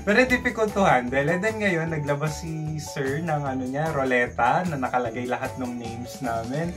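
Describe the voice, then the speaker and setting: A young man with a Filipino accent telling a story casually in a vlog, in an animated way, acting out bits of dialogue. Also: on the high side, moderate pace, over music. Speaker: vlogger recounting call center training. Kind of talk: casual storytelling vlog, mixing Tagalog and English.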